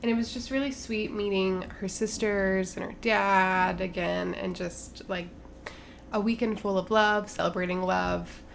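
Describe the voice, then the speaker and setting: A young woman co-hosting a laid-back podcast, her voice edged with vocal fry. She chats loosely, peppering every thought with fillers. A faint low ambience sits under the recording. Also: steady tone, a little slow, slight background noise. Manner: chatty, lots of fillers and "like". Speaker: podcast co-host. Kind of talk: casual chat.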